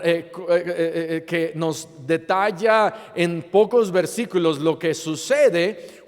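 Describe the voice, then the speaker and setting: A man pastor preaches from the pulpit with a high voice and an unhurried pace. He teases his congregation with playful question-and-answer lists, stumbling over fillers. His voice rings with the long reverb of a church sanctuary. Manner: frequent fillers and restarts. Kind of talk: sermon.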